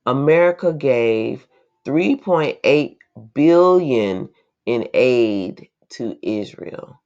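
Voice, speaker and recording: A woman's voice: a bass voice, expressive, extremely slow, darkish tone. Woman reading out an article then ranting about it, fired up, kinda muffled lo-fi audio. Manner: indignant, emphatic asides between read passages. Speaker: commentator. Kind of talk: reading an article aloud with commentary. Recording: slightly dull, lo-fi recording.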